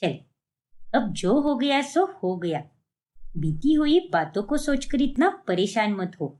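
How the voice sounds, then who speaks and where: A woman voicing a homely, fussy older mother-in-law in a cartoon story, in a lowered, aged voice and a scolding manner. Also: sing-song, takes it slowly, darkish tone. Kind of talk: cartoon voice acting.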